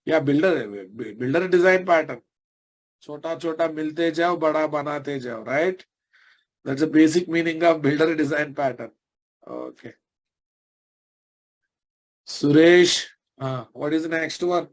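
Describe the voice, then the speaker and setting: Telugu-accented Indian man teaching software. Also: on the high side, unhurried, pauses often. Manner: conversational, often addresses listeners, asks checking questions. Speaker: programming instructor. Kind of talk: informal live software lesson.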